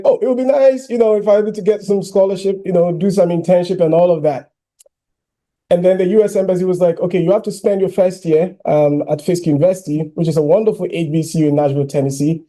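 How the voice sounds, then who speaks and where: A man in his thirties from Ghana, giving a personal keynote speech as an animated storyteller who often says "you know". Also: sits high, fast. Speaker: keynote speaker.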